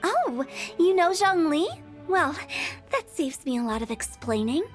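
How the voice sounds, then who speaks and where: A woman's voice: very animated, measured pace, music in the background, full character voice. A woman voicing a mischievous young female funeral parlor director with a teasing, playful, darkly humorous way of talking, in game voice acting. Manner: teasing, playful sales pitch.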